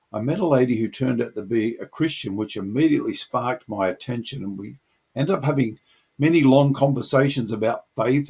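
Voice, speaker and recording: A man's voice: mid-range voice, darkish tone, slightly rough. A middle-aged man earnestly telling the personal story of how he came to faith, in a reflective storytelling manner. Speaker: channel host sharing his testimony.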